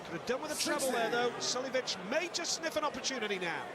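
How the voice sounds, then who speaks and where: Male lead sports commentator, high pitch, clipped darts play-by-play, very noisy arena. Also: very animated, fast. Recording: very loud crowd noise behind. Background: loud darts arena crowd.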